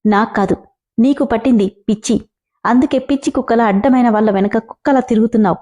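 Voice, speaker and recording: A woman voicing a betrayed young wife who accuses her husband in fast, pleading bursts. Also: on the high side, dark tone, lightly acted. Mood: accusing.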